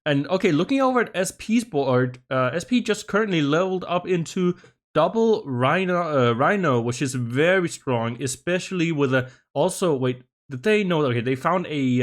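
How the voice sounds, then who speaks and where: A man commentating a live-streamed game match, slightly out of breath, talking in halting bursts with many restarts and asides to his chat. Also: on the high side. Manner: halting, many restarts and laughs, chats with viewers. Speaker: esports commentator.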